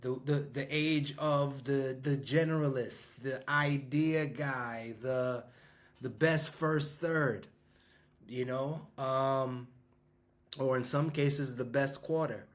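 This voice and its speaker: A fifty-year-old man from New York, a business coach and school founder, gives a casual monologue to an audience. His mid-range voice moves slowly with fairly even intonation, and his conversational delivery rambles with frequent restarts and fillers.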